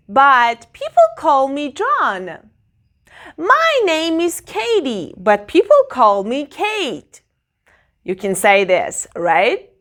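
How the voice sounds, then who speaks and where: A woman teaching English phrases in a clear, emphatic, sing-song way. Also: sits high, fairly bright tone. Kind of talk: slow instructional explanation.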